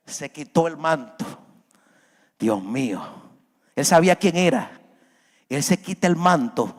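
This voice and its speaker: Fiery preacher in a big reverberant church. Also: male voice. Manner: preaching, voice rises high and loud when acting out Peter's plea. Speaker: pastor. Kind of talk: sermon. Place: church hall. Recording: long reverb of a large church.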